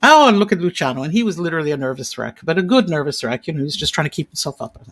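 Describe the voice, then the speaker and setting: Older woman gushing through stories, super animated, lots of vivid imagery. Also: deep voice, rapid-fire. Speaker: interview guest, opera singer. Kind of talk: casual storytelling chat.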